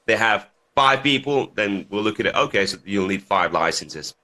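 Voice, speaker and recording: Bright-voiced man. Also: lowish voice, expressive. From United Kingdom. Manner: halting, restarts often, laughs easily. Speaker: guest. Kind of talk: radio talk show interview.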